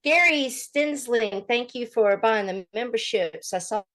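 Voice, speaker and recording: A woman's voice: on the high side, expressive, measured pace. A woman co-hosting a livestream in casual, chatty talk, her voice running through a heavily compressed microphone. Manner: chatty, laughs often, loud bursts. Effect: heavily compressed mic. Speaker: livestream co-host. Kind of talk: casual chat. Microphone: streaming mic with compressor.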